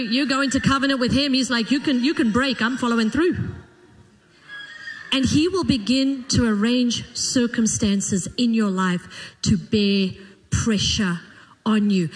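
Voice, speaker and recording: A woman preaching a sermon to a congregation, expressive and animated, telling stories from her own life. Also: on the high side, in a large hall, slight background noise.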